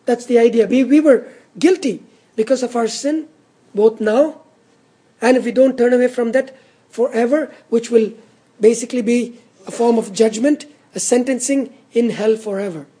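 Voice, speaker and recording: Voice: medium pitch, moderate pace, dark tone, slightly rough. A pastor preaching an expository sermon in an earnest, teacherly way, repeating key words for emphasis.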